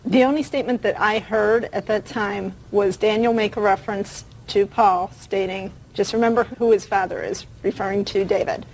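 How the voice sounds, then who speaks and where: A woman's voice: mid-range voice, steady tone, normal speed, few pauses, a little mellow, slight background noise, rough recording. A woman plaintiff giving formal, composed testimony in a courtroom.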